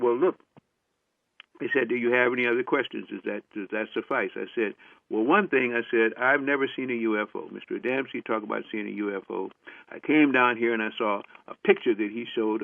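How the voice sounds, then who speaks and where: A man's voice: mid-range voice, creaky. An older man telling a personal story as a lecturer, acting out the dialogue he remembers with many "I said" asides. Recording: tinny phone-like dry recording.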